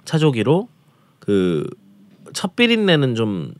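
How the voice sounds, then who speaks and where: A man tells his food travel stories on a radio talk show, going through each dish in careful detail. His pitch rises and falls a lot as he talks. The sound is dry and close. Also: wildly swooping pitch, takes it slowly, no echo. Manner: detailed, descriptive storytelling about restaurants. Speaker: food travel segment presenter.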